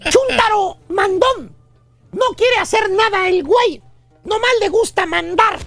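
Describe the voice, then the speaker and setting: A radio comedian with a Mexican accent, voicing a shrill gossip who mocks a bossy, lazy man with a string of insults. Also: unhurried, fairly bright tone, dry recording, faint music behind, full character voice. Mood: mocking. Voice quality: very high squeaky voice. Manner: scornful, piles up insults, ends lines with güey. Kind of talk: comic radio rant.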